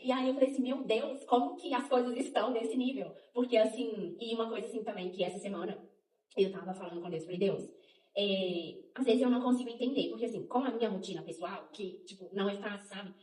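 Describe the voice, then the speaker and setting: A young adult woman chatting casually about faith as co-host, animated and laughing often. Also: medium pitch, quick pace. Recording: roomy, from some distance.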